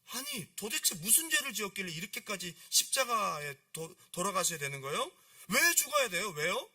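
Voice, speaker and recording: A man's voice: sits high, very animated, moderate pace, pushed and bright, voice pushed up, full character voice. A man putting on a tearful young girl's pleading voice. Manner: pleading, wide-eyed questions. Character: young wandering girl, tearful and questioning.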